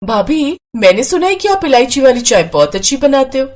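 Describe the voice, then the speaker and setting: A young woman from an animated family story who seems gentle but needles her twin, voiced by a woman narrator. Her voice is raised and sweet-sounding. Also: high-pitched, normal speed, a little hiss or hum, voice pushed up.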